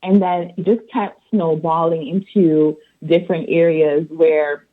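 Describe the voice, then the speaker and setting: A woman from Barbados, an accountant and author, calmly explaining her answers as a guest on a radio interview. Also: deep voice, unhurried. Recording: tinny phone line.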